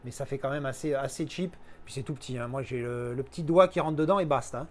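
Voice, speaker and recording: A man's voice: mid-range voice, quick pace. A man showing off his collector purchases in a casual unboxing chat, slangy and thinking aloud as he goes.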